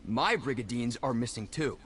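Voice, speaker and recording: An actor playing an indignant, earnest imperial army officer held captive, in fantasy video game dialogue. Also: male voice, mid-range voice, animated, normal speed, fairly bright tone, slight background noise, natural voice. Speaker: game character.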